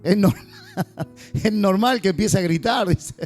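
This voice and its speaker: Male pastor, warm lively sermon delivery, faint guitar underneath. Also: high-pitched, a little slow. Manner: lively, joking asides to the congregation.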